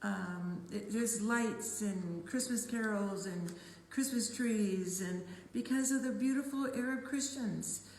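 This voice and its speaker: A woman's voice: medium pitch, takes it slowly, darkish tone. An older woman co-hosting a faith talk, speaking earnestly and emotionally and often repeating her phrases. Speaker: ministry co-host. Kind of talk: casual faith testimony chat. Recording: echoey room with long reverb.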